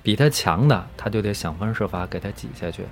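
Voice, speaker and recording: A man co-hosting a podcast in relaxed casual chat, commenting and prompting his partner. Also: fairly low pitch, fairly quick. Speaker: podcast co-host.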